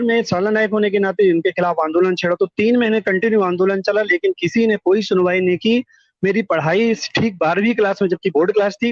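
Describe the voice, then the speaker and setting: A middle-aged man phones in to share his life story as conversational testimony, sincere and talkative, repeating words to stress them. His voice is high, with no room sound, on a dull lo-fi call recording.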